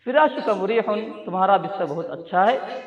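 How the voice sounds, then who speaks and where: A man's voice: sits high, lively intonation. A man teaching a class, prompting students for a phrase and then repeating and explaining their answers. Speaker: Arabic teacher. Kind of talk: classroom language drill. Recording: dull lo-fi classroom recording. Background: students in the room.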